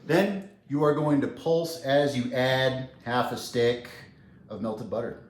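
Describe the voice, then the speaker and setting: A man hosts a casual cooking tutorial, chatty and enthusiastic, often restarting his sentences. His mid-range voice moves at a slow pace, and the sound is roomy.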